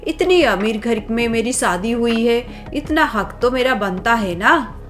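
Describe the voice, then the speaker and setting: A woman's voice: on the high side, lively intonation, a little slow, a bit bright, faint music behind. A woman voicing a spoiled, scheming young wife who sweet-talks and boasts, in a cartoon story. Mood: boastful. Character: scheming spoiled young wife, sticky-fingered sister-in-law.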